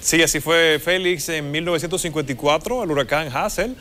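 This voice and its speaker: Formal weatherman, slightly high voice. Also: a little fast, bright, forceful tone. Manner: formal, explanatory. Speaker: TV weather forecaster. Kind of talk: live weather explanation. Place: TV studio. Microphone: lapel mic.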